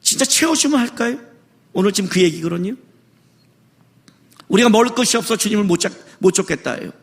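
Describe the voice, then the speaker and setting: A man's voice: sits high, animated, fast, creaky. A middle-aged man preaching a sermon as a pastor, full of rhetorical questions and acted-out bits of dialogue.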